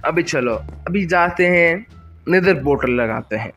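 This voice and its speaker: A young Indian man commentating his own gameplay in a casual, excitable way, shouting and pleading at game monsters. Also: on the high side, a little slow. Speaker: gaming YouTuber. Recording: faint background music.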